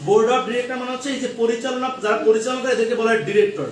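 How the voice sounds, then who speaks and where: High-voiced male teacher in an echoey classroom. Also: fairly even intonation, fast talker, distant mic. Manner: quizzing the class with repeated questions. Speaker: English teacher. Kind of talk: classroom lesson.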